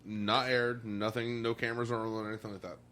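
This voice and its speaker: A man's voice: fairly low pitch, little pitch movement, a little fast, bright, forceful tone. A man telling casual anecdotes like a frat bro, with slang, swearing and acted-out quotes. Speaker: reality show contestant.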